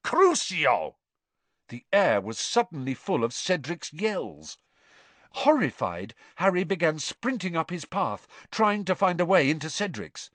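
A man's voice: on the high side, big pitch swings, a little slow, no echo. A man reading a story aloud as narrator, with dramatic, tense storytelling. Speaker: audiobook narrator. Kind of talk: scripted narration.

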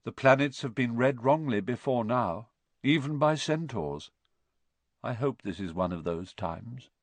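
A man voicing a grave, wise centaur in an audiobook, speaking in a measured, solemn and cryptic way. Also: medium pitch, lively intonation, no echo. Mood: calm farewell. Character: grave, wise male centaur, calm and foreboding. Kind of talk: audiobook character dialogue.

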